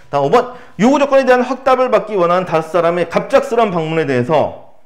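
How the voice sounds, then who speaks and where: A man with a fairly high voice gives an exam-prep literature lesson. His pitch leaps up and down as he acts out quoted lines, then drops low to check that the class is following. He keeps asking rhetorical questions. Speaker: Korean literature teacher.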